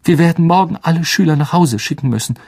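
A man's voice: a little high, quick pace, darkish tone, slightly rough, pitched above the performer's own voice. A man voicing a stern older female teacher in an audiobook reading, grave and commanding. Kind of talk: audiobook character voice.

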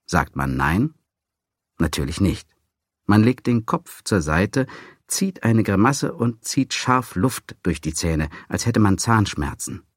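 A man with a very low voice reads a first-person story in a wry, measured tone. The sound is close and dead dry, with no room at all. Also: breathy edge, no room sound. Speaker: audiobook narrator. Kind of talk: scripted first-person narration.

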